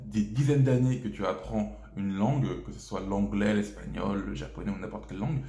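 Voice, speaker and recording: A man's voice: on the low side, mellow. A French man hosting a casual video lesson, talking straight to the viewer with many hesitations and restarts. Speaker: English teacher, channel host. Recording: echoey room.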